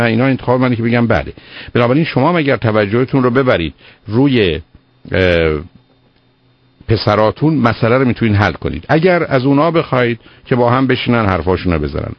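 A man hosts a call-in advice show on radio, speaking in a low voice. He lectures earnestly and piles up repeated words for emphasis. The sound is dry and dull, like a lo-fi broadcast. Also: no room sound.

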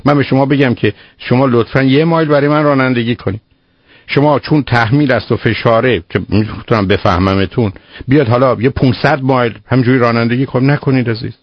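A man's voice: medium pitch, no room sound. Male radio advice host, emphatic and dry. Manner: emphatic, counseling, repeatedly says "dear". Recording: dull lo-fi radio audio.

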